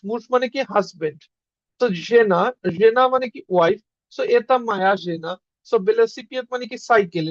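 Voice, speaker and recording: A man's voice: extremely high pitch, darkish tone, dry recording, lo-fi sound. A man teaching a casual online language class, patiently repeating words for his students.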